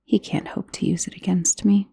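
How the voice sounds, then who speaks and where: Here the same kind of role, a commanding, self-assured vampire guarding her lover possessively, is played by a woman at medium pitch with a dark, steady tone, moderate pace, and a dry recording. The ASMR romance roleplay frequently slips into a breathy whisper, yet the mood turns cold and commanding.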